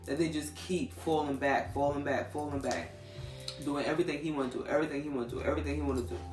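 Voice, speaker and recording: A woman's voice: deep voice, steady tone, quick pace, reverberant, recorded from a distance, over music. A young woman co-hosting a podcast in casual chat, earnest and questioning, with repeated phrases. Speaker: podcast co-host.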